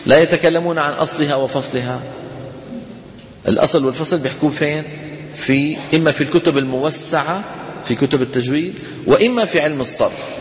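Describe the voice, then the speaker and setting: A man with a Levantine Arabic accent teaching a tajweed lesson, talking casually to students, checking they follow and chanting examples slowly. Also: fairly high pitch, a little hiss or hum. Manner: conversational, asks students rhetorical questions. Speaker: Quran recitation teacher. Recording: echoey hall reverb.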